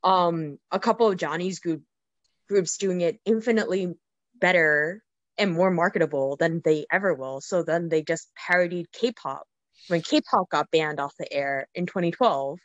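A woman co-hosting a casual chat, opinionated and quick, on a dull lo-fi recording. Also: fairly low pitch, dry recording. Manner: opinionated, quick, laughs easily. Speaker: podcast co-host. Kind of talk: casual chat about Japanese pop music. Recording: dull lo-fi sound.

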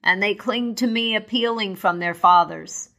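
A woman voicing a sorrowful, stern Christmas spirit, giving slow, solemn warnings in a storybook reading. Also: medium pitch, sharp tone.

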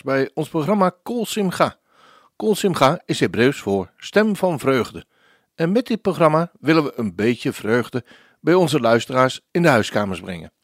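Lively, earnest Dutch radio host, man. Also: on the high side, no room sound, clean studio sound. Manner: earnest, reads lyrics aloud expressively. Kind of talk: radio request show presentation.

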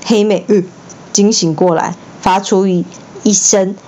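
A mother reading a bedtime story aloud at home, expressive, with the odd slip and restart. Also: mid-range voice, a little slow, highs cut off, heavy background noise. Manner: expressive, occasional slips and restarts. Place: home, indoors.

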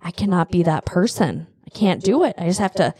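A woman in her thirties, a mother chatting casually with her kid, blunt and quick to act out what people said. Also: fairly low pitch, expressive, warm tone, husky, no room sound. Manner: chatty, blunt, acts out quotes dramatically. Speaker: mother and podcast host. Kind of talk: casual family chat.

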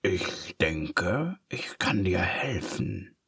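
A man voicing a sly, sinister ink-eraser pen in a dark, scratchy, slow whisper for a storybook. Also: a bass voice, slightly rough, dry recording, clean studio sound, heavily acted. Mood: creeping. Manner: slow, creeping, hissing.

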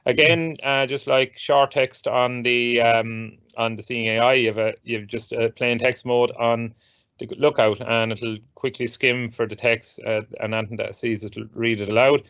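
A man presenting and explaining technology in a casual, halting way, often repeating and rephrasing himself. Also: medium pitch, little pitch movement, fairly bright tone, smooth, dry recording. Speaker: presenter of an assistive technology show. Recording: dull, muffled lo-fi audio.

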